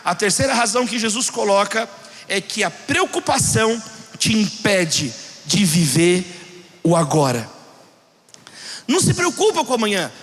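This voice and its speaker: A man preaching a sermon as pastor, telling stories in an animated way and acting out the voices in them. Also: very high voice, long reverb tail.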